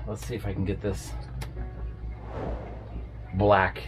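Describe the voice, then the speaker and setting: A man's voice: on the low side, monotone, slow pace, over loud music. Chatty man vlogging from his boat. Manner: chatty, talks to viewers while working with his hands. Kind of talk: casual vlog talk. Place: aboard a catamaran, partly in a small cabin.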